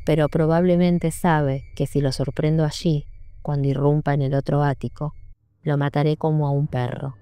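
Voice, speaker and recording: A woman narrating an audiobook in a measured, sombre reading. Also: sits low, dark tone, clean tone, no room sound. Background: faint music.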